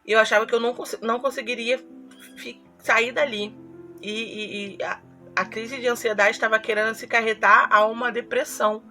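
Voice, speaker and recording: A woman's voice: a little high, steady tone, moderate pace, pushed and bright, faint music behind. A young woman from Brazil, a YouTuber telling a personal story in a confessional vlog, earnest and acting out her own quoted words.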